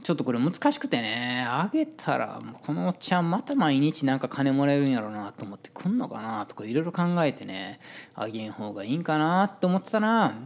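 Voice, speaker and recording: A man's voice: mid-range voice, big pitch swings, a little fast, creaky, hardly any pauses. A man with a Kansai Japanese accent telling a story in a casual, chatty monologue and acting out the voices of people he quotes.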